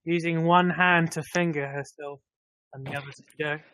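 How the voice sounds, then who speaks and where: A man's voice: on the high side, steady tone, moderate pace, pushed and bright, clean tone, no room sound. A man co-hosting a casual podcast, reading a story aloud hesitantly and stumbling over words. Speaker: podcast co-host.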